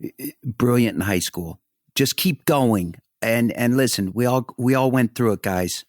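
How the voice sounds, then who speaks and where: A man's voice: mid-range voice, normal speed, no room sound, clean studio sound. A man co-hosting a podcast in casual chat, teasing his partner with short quips and laughter. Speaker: podcast co-host.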